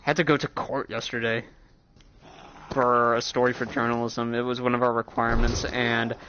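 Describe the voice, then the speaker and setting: A man's voice: medium pitch, level tone, moderate pace, bright, forceful tone. A young man streaming a game, rambling casually with plenty of swearing and self-interruptions. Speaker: gaming streamer. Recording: dull lo-fi mic with faint hiss.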